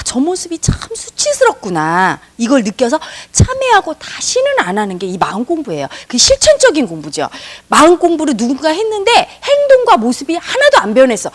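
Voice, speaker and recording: Middle-aged woman meditation teacher, high and bright, emphatic lecturing with rhetorical questions. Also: wildly swooping pitch, fairly quick, few pauses. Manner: emphatic, uses rhetorical questions and acted-out quotes. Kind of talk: spiritual lecture.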